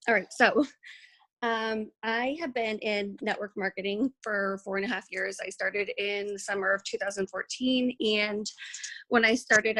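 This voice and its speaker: A woman's voice: mid-range voice, a bit bright, no echo. A woman leading an informal team training, talking in a chatty way with many fillers and restarts, and saying she feels shy and nervous. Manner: self-described shy and nervous. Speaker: network marketing team trainer. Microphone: recorded for a video.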